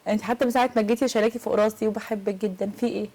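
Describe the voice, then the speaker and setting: Loud defiant Egyptian woman host. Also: medium pitch, steady tone, very fast. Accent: Egyptian Arabic. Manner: loud and defiant, repeats short retorts. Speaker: prank show host. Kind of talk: heated argument with a guest.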